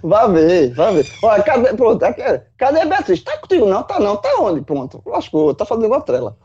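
Bahian guy talking football on a call, high voice jumping all over, husky, dull lo-fi sound. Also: fairly quick. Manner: animated, swearing, folksy analogies. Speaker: football pundit. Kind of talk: casual chat. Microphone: remote call.

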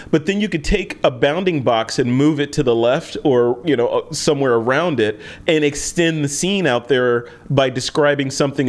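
A man hosting a podcast interview, chatty and rambling, often laughing at himself. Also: mid-range voice. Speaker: podcast host. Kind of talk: casual interview chat.

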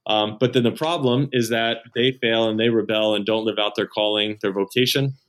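A man's voice: on the low side, fairly even intonation, brisk, fairly bright tone. A man who leads at a church, a podcast guest explaining his ideas earnestly, step by step. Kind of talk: explanatory conversation.

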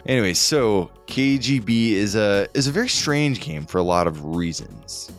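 A man co-hosting a casual podcast, animated and rambling, full of fillers. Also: on the low side, moderate pace, faint music behind. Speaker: podcast co-host. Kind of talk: casual chat about game music.

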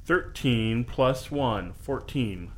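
A man's voice: medium pitch, lively intonation, very slow, a little hiss or hum. A man playing a character in a tabletop role-playing game, joking and playful. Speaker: player.

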